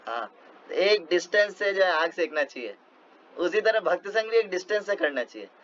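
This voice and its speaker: A man's voice: sits high, animated, moderate pace, a bit bright. A man giving a casual devotional talk, telling stories with many fillers and small laughs. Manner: storytelling with frequent fillers and laughs. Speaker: devotional speaker. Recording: dull lo-fi with faint noise.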